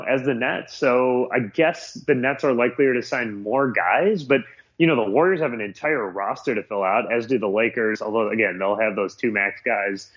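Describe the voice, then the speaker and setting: A man's voice: mid-range voice, a bit bright. A man co-hosting a sports podcast from a muffled, cave-like home room, chatting casually and thinking aloud with restarts. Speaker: podcast co-host. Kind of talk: casual sports betting chat. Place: small makeshift home room in a new house, under a blanket.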